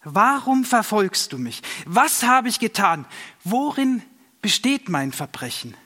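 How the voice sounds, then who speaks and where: Remorseful old king, man putting him on, high anxious questions, echoey hall. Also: big pitch swings, slow pace, sharp tone, full character voice. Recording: long reverb.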